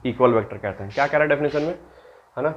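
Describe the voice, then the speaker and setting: A man's voice: medium pitch, racing, muffled recording, a little hiss or hum. A man teaching a maths class, mixing in English terms and answering his own questions for the students. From Bihar, India. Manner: asks students questions and answers them himself; mixes English terms into Hindi. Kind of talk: classroom lecture.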